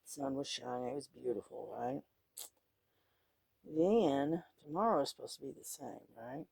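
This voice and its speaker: A middle-aged man with a wheezy, congested, breathy rasp, chatting casually and haltingly in an unhurried, folksy way while he paints. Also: mid-range voice, big pitch swings, darkish tone, no echo. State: congested, wheezing, clearing throat often. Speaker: painting vlogger.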